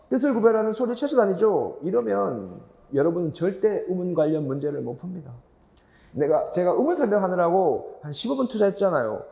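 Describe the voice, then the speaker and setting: A male grammar teacher lectures in a roomy hall with long reverb. His voice sits a little high yet mellow, and his pitch swings widely as he fires rhetorical questions at his students and drives points home by repeating them. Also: creaky.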